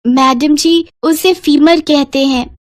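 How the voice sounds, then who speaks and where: Woman voicing a shy little cartoon schoolgirl, high and polite. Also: slow, dry recording, clean studio sound. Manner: polite, timid. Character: shy young schoolgirl, eager and timid. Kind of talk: cartoon voice acting.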